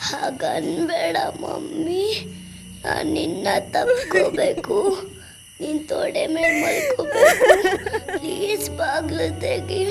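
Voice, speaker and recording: A man's voice: very high voice, wildly swooping pitch, measured pace, vocal fry, hardly any pauses, full character voice. A child actor playing the spirit of a lost young boy who pleads and cries for his mother. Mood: pleading tearful. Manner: pleading, weepy, whispery. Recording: with loud music behind.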